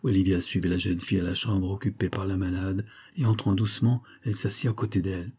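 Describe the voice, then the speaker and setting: A man giving measured, scripted narration of a novel in an audiobook. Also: sits low, level tone, warm tone, slightly rough.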